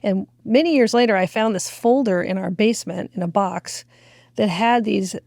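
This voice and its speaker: A middle-aged woman from Washington State tells stories in a relaxed podcast chat. Her pitch sits in an ordinary middle range. The sound is dry and close, with no room around it. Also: normal speed, creaky, dry recording. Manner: chatty storyteller, acts out quoted voices. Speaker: radio station executive director. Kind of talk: casual podcast interview.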